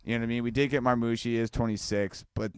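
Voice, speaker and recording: A man's voice: medium pitch, steady tone, fast, smooth, no echo, studio quality. A man hosting a casual football podcast, rambling loosely with restarts and asking "you know what I mean?". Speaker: podcast host.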